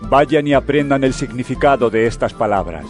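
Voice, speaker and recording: Jesus as a steady, earnest teacher, voiced by a man in a dramatized audio Bible, his measured words laid over a clear music bed. His pitch sits in an ordinary middle range. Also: lightly acted. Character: calm authoritative male teacher Jesus. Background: background music.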